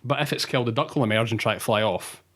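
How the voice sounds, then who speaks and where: A man co-hosting a casual podcast, reading out folklore quickly and laughing through it. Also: mid-range voice, fairly bright tone. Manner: quick, laughs through his own telling. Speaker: podcast co-host.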